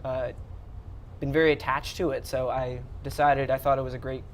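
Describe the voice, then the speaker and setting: A man's voice: mid-range voice, little pitch movement, normal speed, a little hiss or hum. A young man in his late teens answering interview questions, hesitant and full of fillers. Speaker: interview guest. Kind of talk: casual interview.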